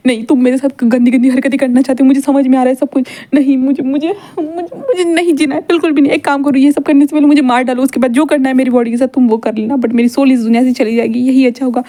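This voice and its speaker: A woman's voice: high voice, quick pace, hardly any pauses, dark tone, pitched above the performer's own voice. A woman voicing a kidnapped young man who wails and sobs, repeating his words. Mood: despairing. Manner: tearful, wailing, repeats words.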